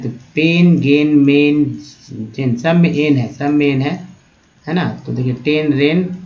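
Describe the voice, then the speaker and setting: A man's voice: mid-range voice, darkish tone, highs cut off. Man drilling English phonics sounds. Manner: drills sounds by repeating them slowly. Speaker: English teacher. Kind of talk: phonics lesson.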